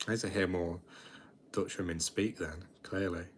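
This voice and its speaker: A twenty-year-old man with a British accent, hosting a chatty, low-key late-night livestream and rambling with frequent restarts. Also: steady tone, normal speed, a little hiss or hum. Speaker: livestream host.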